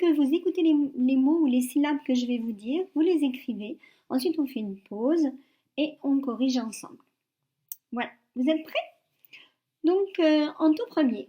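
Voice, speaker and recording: A woman with a French accent teaching young children to read, dictating syllables slowly and patiently with careful articulation. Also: sits high, dark tone. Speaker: first-grade reading teacher.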